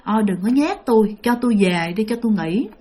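A woman's voice: mid-range voice, animated, fairly quick, natural voice. A woman doing a worn-out, short-tempered father. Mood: tired pleading. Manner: scolding, then pleading softly. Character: tired, short-tempered working father on a cyclo.

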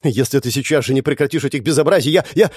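A man's voice: quick pace, lightly acted. A man reading a storybook, voicing a bitter forty-year-old wife who hurls accusations in a raised, strained voice. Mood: shrill, accusing. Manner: accusing, high-pitched outbursts.

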